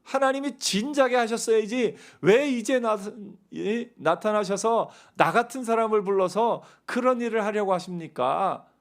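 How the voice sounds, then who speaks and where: A man preaching an evening church sermon as pastor, swinging from raised, pleading lines to soft, quiet asides. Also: high-pitched, normal speed, few pauses.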